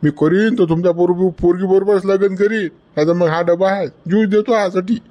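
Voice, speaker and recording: A man, playing a hot-headed young village farmer in a comedy skit. He talks loudly and quarrelsomely and keeps tacking on a demanding "huh?". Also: high voice, fairly even intonation, fairly quick, highs cut off, natural voice. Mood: angry.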